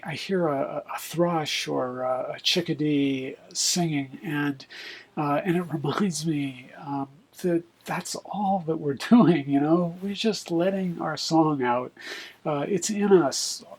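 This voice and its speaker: A man, a poet, speaking informally and reflectively, hesitant and searching for his words with many pauses. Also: a little high, rough recording. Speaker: poet introducing own poem. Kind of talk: informal reflective spoken introduction.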